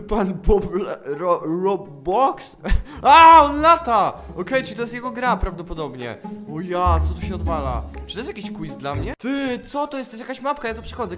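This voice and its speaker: Gaming host, male, high lively voice, excitable let's-play commentary with faint music behind. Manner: excitable, exclaiming and laughing at the game. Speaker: gaming YouTuber. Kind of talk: live gameplay commentary.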